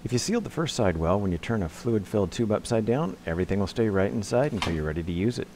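Man, deep low voice, DIY tutorial voice-over, relaxed and practical, close mic, faint background noise. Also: quick pace. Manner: relaxed, practical, plain-spoken. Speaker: DIY channel host.

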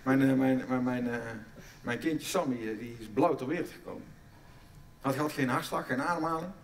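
A middle-aged man doing a stand-up comedy routine on a theatre stage, stammering through restarts and breaking into loud bursts of mock outrage. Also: medium pitch, normal speed, distant mic, a little hiss or hum.

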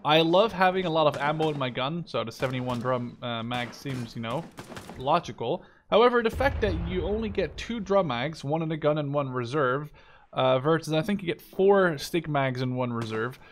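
With a fairly high, animated voice at a moderate pace, a young man who hosts a gaming channel comments loosely on his own play. Gunfire and artillery from the game, plus slight background noise, run underneath, and surprises draw the occasional curse.

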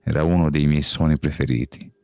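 A man reading a novel aloud as an audiobook, in first-person narration with a measured, calm delivery. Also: a bass voice, dry recording. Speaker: audiobook reader.

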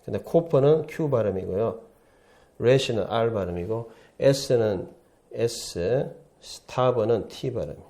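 Male professor, relaxed and mellow, loose repetitive classroom delivery. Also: mid-range voice, slow pace. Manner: chatty, repetitive, often starts with "자" and "예". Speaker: Hebrew professor teaching the alphabet. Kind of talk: casual classroom lecture.

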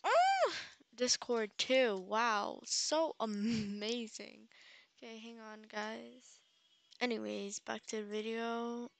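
A woman's voice: on the high side, takes it slowly, creaky, a little hiss or hum. Sleepy, giggly young woman gaming vlogger. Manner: chatty, giggly, easily excited. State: tired, just woke up. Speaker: gaming channel host. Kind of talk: casual gameplay commentary.

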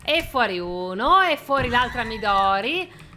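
A woman's voice: on the high side, very animated, unhurried, sharp tone. A woman giving playful, theatrical gameplay commentary as a YouTuber. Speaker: gaming YouTuber.

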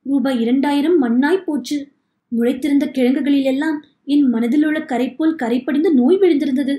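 A tearful young man pleads for forgiveness, his sorrow spilling into every line, as a woman reads him aloud. The voice sits high and mellow. It rings in an echoey room. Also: normal speed, natural voice. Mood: pleading. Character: remorseful young man, weeping, begging forgiveness.

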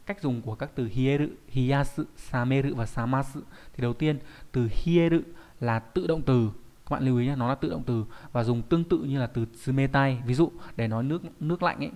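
A man's voice: medium pitch, darkish tone. Patient male teacher. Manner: explanatory, often adds checking tag questions. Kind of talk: recorded online lesson.

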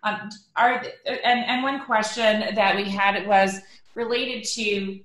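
Woman moderator, bright crisp voice, echoey home office, video call. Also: medium pitch, steady tone, slow pace. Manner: polite, filler-laden questions. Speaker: panel moderator. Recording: echoey room.

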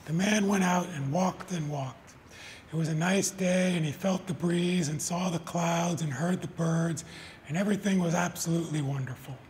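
A man reading his short stories aloud at a live event, in an even, deliberate storytelling manner. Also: fairly high pitch, a little hiss or hum. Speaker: author. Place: live reading before an audience.

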